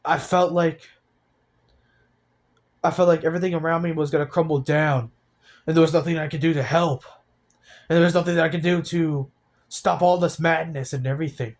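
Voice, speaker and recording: Sounding downcast, an eighteen-year-old vlogger discusses his feelings in a personal video, stumbling and restarting his sentences often. His voice is a little high with a steady tone.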